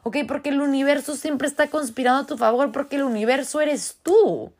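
A woman's voice: sits high, a little fast, darkish tone. A woman with a Mexican accent hosting a podcast, giving an earnest, impassioned motivational talk in casual slang, with frequent restarts. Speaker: podcast host.

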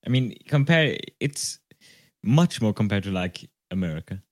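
Low-voiced teasing man. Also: expressive, moderate pace, a little mellow. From Sweden. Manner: teasing, jokey. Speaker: podcast co-host. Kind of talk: casual podcast chat. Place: his bedroom.

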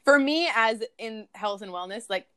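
A woman's voice: mid-range voice, expressive, moderate pace, a bit bright, clear, resonant tone, no room sound. A woman co-hosting a casual chat, telling a profane story with a sarcastic edge.

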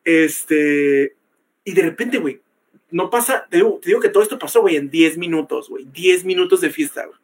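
Young mexican guy on a podcast, kinda high and husky, slangy, acts out what people said. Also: lively intonation, brisk. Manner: slangy, peppers lines with "güey", acts out quotes. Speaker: podcast co-host. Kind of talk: casual storytelling chat.

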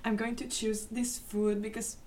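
A woman's voice: on the high side, little pitch movement, moderate pace, a little mellow, far from the mic, slight background noise. A young woman co-hosting a casual podcast in a kitchen, rambling with lots of fillers and laughing along. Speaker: podcast co-host. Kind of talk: casual chat. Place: youth center kitchen.

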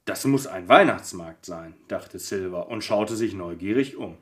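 A man's voice: deep voice, lively intonation, unhurried. A man co-hosting a podcast, chatting and then reading a Christmas story aloud while slightly tipsy, laughing and stumbling now and then. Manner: chatty, laughing, reads with small slips. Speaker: podcast co-host.

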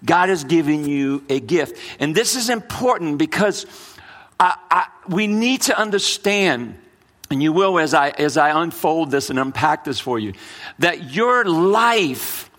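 In a sermon, a middle-aged pastor from the U.S. speaks at a fairly high pitch with a slightly bright quality. His accent combines New Orleans and Brooklyn, and he preaches earnestly, frequently repeating and starting over.

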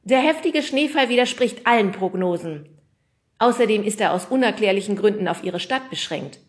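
A woman's voice: mid-range voice, animated, moderate pace, pitched above the performer's own voice, lightly acted. A woman voicing a nervous female studio journalist who reports in a formal way.

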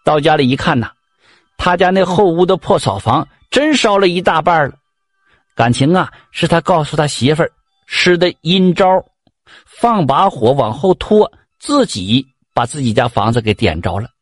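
A man with a Northeastern Mandarin accent telling a folk tale in a lively, chatty, colloquial way. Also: on the high side, moderate pace, no room sound. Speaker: storyteller.

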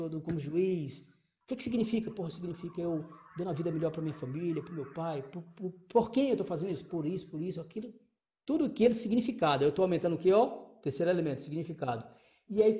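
A man with a Brazilian accent giving an energetic motivational talk as a coach, emphatic, repetitive and swearing freely, asking rhetorical questions. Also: fairly high pitch. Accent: Brazilian Portuguese. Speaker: motivational coach for exam candidates.

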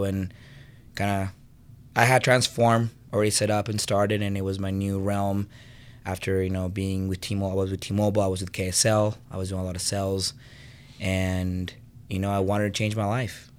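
Guesting on a podcast, this young man from Venezuela, a fitness business co-owner, talks about his life in a relaxed, personable way packed with fillers. His voice is lowish and clean.

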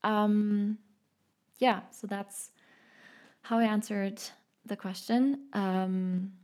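A woman with a German accent hosting a solo podcast, speaking in a gentle, reflective way and thinking aloud with many fillers. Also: mid-range voice, fairly even intonation, drawn-out words. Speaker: podcast host.

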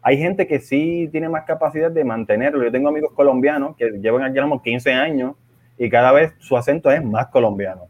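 A man from Puerto Rico with a Puerto Rican Spanish accent, partly softened by years in Spain, speaking as a guest in a casual conversation and explaining things at a measured pace. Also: medium pitch. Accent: Puerto Rican Spanish, partly softened by living in Spain. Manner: explanatory, measured, chuckles often. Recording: tinny phone-like remote line.

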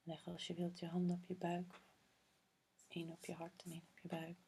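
A woman guiding a meditation in a soft, breathy half-whisper, slow and soothing, with long pauses. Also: on the low side, monotone, a little hiss or hum. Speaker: meditation guide. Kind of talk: guided meditation.

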